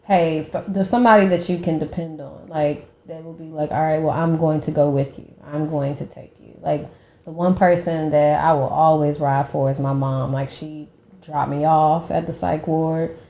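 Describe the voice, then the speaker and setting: A woman's voice: low-pitched, steady tone, moderate pace, mellow. A woman talking as a podcast guest, open and earnest, often quoting what others said. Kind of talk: candid conversation. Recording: roomy echoey room.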